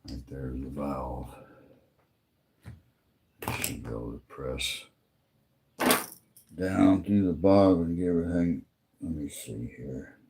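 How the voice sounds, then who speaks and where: A man's voice: rumbling low, animated, dark tone, slight background noise. A man hosting a live stream, talking plainly and half to himself while he repairs a lighter. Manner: slow, plain-spoken, muttering to himself as he works. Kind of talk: casual live-stream commentary while working.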